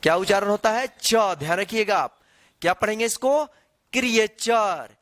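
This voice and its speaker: A man's voice: high voice, lively intonation, fairly quick, a bit bright, no room sound. A man teaching an online English reading lesson, spelling words letter by letter and asking and answering his own questions.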